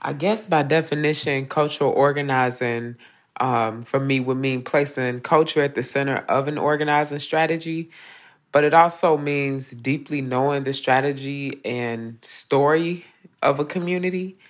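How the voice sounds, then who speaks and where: A woman's voice: a bass voice, normal speed. A woman organizer explaining a concept in a thoughtful way, with many fillers as she goes. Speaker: interviewee, organizer. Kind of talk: reflective explanation.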